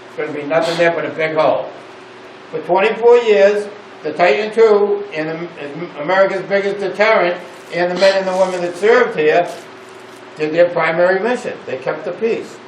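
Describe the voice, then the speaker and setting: A man guiding a tour through a missile silo, his voice echoing around the underground space, with a dramatic delivery that slows for emphasis. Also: sits high, slight background noise. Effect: echoing inside an underground missile silo. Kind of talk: guided tour talk. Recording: echoey silo, voice from a distance.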